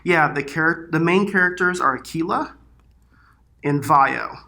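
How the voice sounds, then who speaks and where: A man's voice: on the high side, a little slow, gravelly, pushed and bright. A man giving casual interview answers as a filmmaker guest, in informal, loosely phrased speech. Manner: informal, hesitant phrasing with frequent "like" and "you know".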